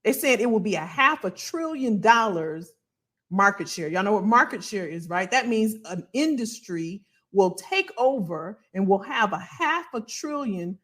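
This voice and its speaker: A woman hosting a casual livestream as a financial coach, animated and colloquial, repeating phrases for emphasis. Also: mid-range voice, unhurried. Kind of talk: casual livestream talk to viewers.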